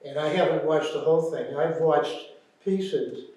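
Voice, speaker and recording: A man's voice: fairly high pitch, a little slow, a little mellow. A man introducing a discussion panel and speaking on it, earnest and emphatic. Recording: very echoey room from far off.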